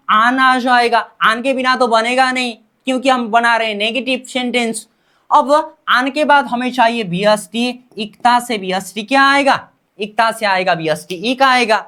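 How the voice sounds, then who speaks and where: Slow, patient woman teaching Korean grammar. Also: a little high, a bit bright. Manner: repeats example phrases slowly and quizzes the learner. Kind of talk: explaining grammar step by step.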